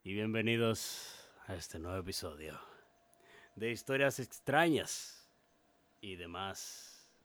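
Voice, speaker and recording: A man's voice: low voice, lively intonation, takes it slowly, a bit bright. A man co-hosting a podcast, telling an improvised comic story in a playful way.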